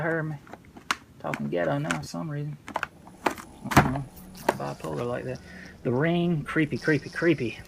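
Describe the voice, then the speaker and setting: Male horror-collector vlogger, mid-range voice, loose jokey delivery full of slang and swearing, clear background noise. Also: mid-range voice. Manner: slangy, heavy cursing, jokey. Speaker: horror film collector presenting a video. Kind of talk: casual rambling movie review.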